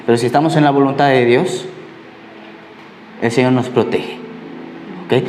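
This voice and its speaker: A man's voice: mid-range voice, steady tone, normal speed, darkish tone, slight background noise. A man preaching a conversational sermon as a pastor, often checking in with the congregation. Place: church. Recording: echoey church hall, faint ambience.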